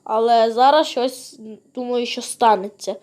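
A woman's voice: a little high, a little slow, a little mellow. A woman giving reaction commentary to viewers, hesitant and full of fillers. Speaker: video reactor.

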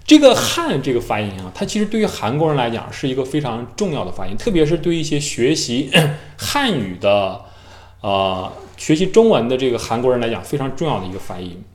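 Man, from mainland China, language teacher, animated pitch, roomy echo. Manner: lively, imitates students' careful tones and slow syllables. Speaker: Chinese teacher. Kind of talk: casual talk to camera. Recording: echoey room.

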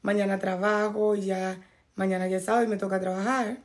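A woman going hoarse, chatting casually to her viewers at home while unboxing and showing off clothes from a package. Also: medium pitch, flat delivery, fairly quick. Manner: chatty, talks straight to viewers. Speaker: fashion vlogger. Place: at home, in a bathrobe.

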